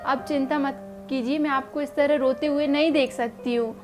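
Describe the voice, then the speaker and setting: A woman as a gentle, devoted young wife. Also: high voice, steady tone, moderate pace, close to an everyday voice. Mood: tender. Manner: soft, coaxing, reassuring. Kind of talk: amateur short-film acting. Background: background music.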